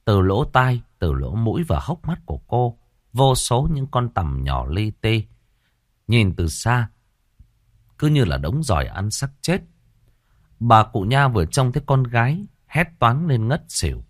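A man narrating a ghost story in an expressive, suspenseful style. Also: mid-range voice, measured pace, dry recording, clean studio sound.

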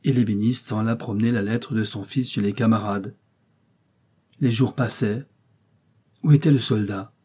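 A man reading a short story aloud in a measured narrating manner, raising his voice for the characters' lines. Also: fairly even intonation, dark tone, slightly rough. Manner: measured, voicing characters' lines with raised pitch.

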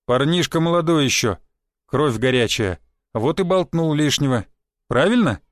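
A man voicing a tough, commanding mercenary chief who talks down gruffly. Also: a little high, expressive, normal speed, no echo, lightly acted. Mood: placating.

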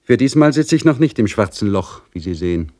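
A sly young male servant taunts with sarcastic mock politeness, as a man reading the tale puts him on. The voice rides higher than the reader's deep base and quickens now and then. It is part of a spoken storybook. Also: lively intonation, warm tone, lightly acted. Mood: taunting.

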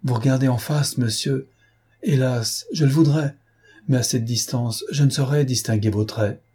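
A man reading the part of a timid, nearsighted young man who speaks softly and hesitantly but with quiet dignity, in a mellow, slightly husky voice. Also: medium pitch, unhurried. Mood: gentle, hesitant. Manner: soft, hesitant and trembling, yet dignified.

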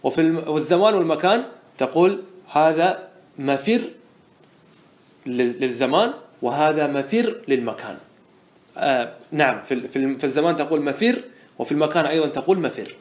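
A man teaching a grammar lesson as a scholar, explaining a classical poem line by line, saying each word form twice and asking his listeners quick questions. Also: a little high, animated. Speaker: Islamic scholar teaching Arabic morphology.

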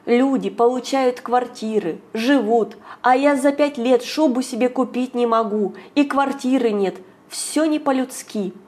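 Brief: woman reading as a reproachful young mother, slow and complaining. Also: a little high, a little mellow, natural voice. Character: discontented young mother complaining about housing.

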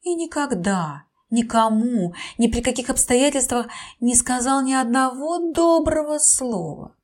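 A woman narrating a children's story aloud in an expressive, lively way. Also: high-pitched, a little slow.

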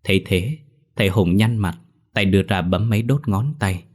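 A man narrating a ghost story in a steady, even storytelling way. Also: on the low side, moderate pace, breathy edge.

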